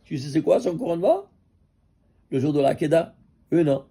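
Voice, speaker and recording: A man teaching a Torah class as a rabbi, an animated teacher who keeps quizzing his listeners. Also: a little high, vocal fry, slightly rough. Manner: lively teacher quizzing listeners with quick questions. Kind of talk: Torah class on number mysticism.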